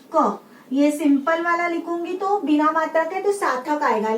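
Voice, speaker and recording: A woman schoolteacher with a high voice leads young children through a lesson. She says each word slowly, repeats it, and keeps asking the class to say it back. The sound is roomy and distant, as if the mic sits well away from her. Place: room with a writing board. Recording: roomy sound, mic set far off, faint background hum.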